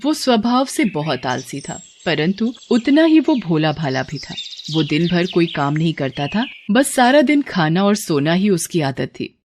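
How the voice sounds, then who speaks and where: Expressive woman telling devotional stories. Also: lowish voice, measured pace, a little hiss or hum. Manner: expressive, dramatic. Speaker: storyteller. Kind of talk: devotional story narration.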